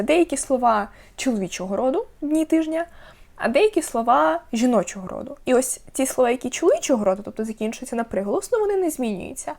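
A young woman with a high, very lively voice gives a beginners' language lesson. She says example words slowly and clearly, then repeats them so learners can follow. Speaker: Polish language teacher.

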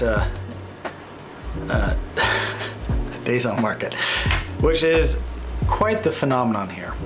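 A real estate agent in his thirties gives a casual market update over screen share, speaking at a medium pitch. He thinks out loud, using fillers and correcting himself as he goes.

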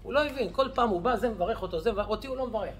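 High-pitched guy rabbi spinning a story, animated, does the voices. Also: slight background noise. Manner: lively storyteller acting out characters' voices. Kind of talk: storytelling lesson.

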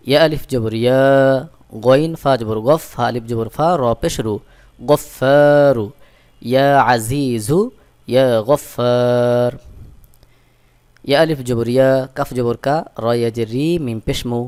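Man, Quran teacher, smooth resonant voice, mid pitch, letter-by-letter spelling then drawn-out chanting. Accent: Bangladeshi Bengali. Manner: slow drawn-out chanting of each joined word after brisk spelling. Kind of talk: spelling out Arabic letter by letter for learners.

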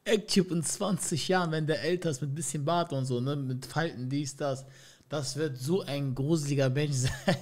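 A man's voice: fairly high pitch, normal speed. A young man streaming a reaction video, making slangy, teasing remarks and laughing at what he watches. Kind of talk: mocking reaction commentary. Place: indoor streaming room. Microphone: headset with boom mic.

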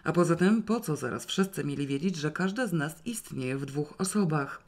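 A reader narrating a novel in the first person, with a wry, lively storytelling manner. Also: mid-range voice, normal speed. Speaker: audiobook reader.

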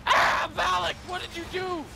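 A man in casual gaming banter, joking and excitable. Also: very high voice, moderate pace, gravelly, heavy background noise. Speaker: video game player.

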